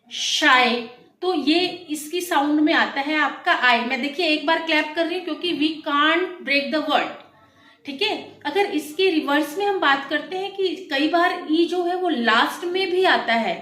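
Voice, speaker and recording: A woman from India gives an English phonics lesson to children. She explains patiently and switches between Hindi and English. Her voice sits high, and the room around her echoes. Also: a bit bright. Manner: mixes Hindi with English, addresses viewers as children. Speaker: English teacher.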